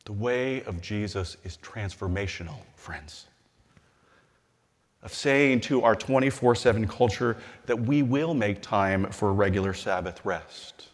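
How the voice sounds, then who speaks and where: A middle-aged man, a bishop, delivering a measured, earnest sermon-style address from a lectern in a large hall. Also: fairly low pitch. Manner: measured and earnest, slowing and softening on scripture.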